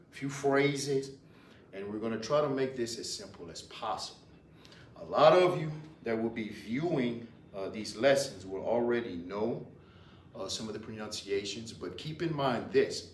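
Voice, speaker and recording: A man with a Louisiana Cajun accent teaching an informal language lesson, deliberate and repetitive, with hesitant pauses. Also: medium pitch, expressive. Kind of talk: informal lesson, explaining and repeating words. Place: indoors in a library. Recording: roomy, distant mic, faint noise.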